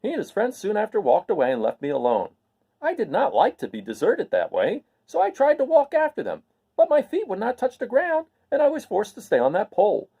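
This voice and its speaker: Man voicing the Scarecrow, husky, swooping, naive. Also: sits high, wildly swooping pitch, brisk, highs cut off, voice pushed up, heavily acted. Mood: wistful, eager. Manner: earnest, artless, wondering. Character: straw-stuffed scarecrow, naive, earnest, cheerful, simple.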